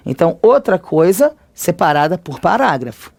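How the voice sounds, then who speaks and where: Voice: mid-range voice, sing-song, moderate pace, creaky, darkish tone. A teacher with a Brazilian Portuguese accent giving a recorded grammar lesson, explaining conversationally and checking in often with tag questions.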